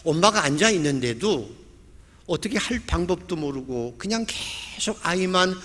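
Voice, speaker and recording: A man's voice: fairly high pitch, expressive, moderate pace, fairly bright tone. A male pastor preaching a sermon, telling a story vividly and acting out the quoted lines. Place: church sanctuary. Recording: long church hall reverb.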